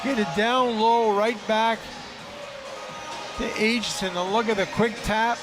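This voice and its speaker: A man's voice: sits high, steady tone, a little slow, over music, a crowd in the background. A man working as a hockey colour commentator, breaking down replays with emphatic enthusiasm. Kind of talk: sports replay analysis.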